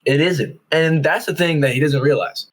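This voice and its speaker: A young man on a podcast, telling gaming stories in a lively way and acting out what his friends said. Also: on the high side, normal speed, low-quality recording. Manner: animated storytelling, acting out quotes. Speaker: podcast co-host. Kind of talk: casual chat.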